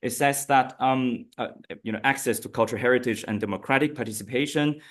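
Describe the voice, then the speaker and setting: A man's voice: medium pitch, fairly quick, a bit bright. A man from China with a Chinese accent giving an academic conference talk. He speaks carefully and hesitantly, often restarting his phrases. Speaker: conference presenter. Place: conference hall.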